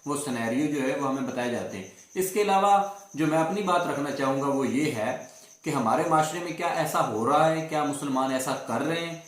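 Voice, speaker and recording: Male reaction host from Pakistan, halting delivery with lots of fillers, recorded in a very echoey room. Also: a little high. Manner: rambling, hesitant, many fillers. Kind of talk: reaction commentary.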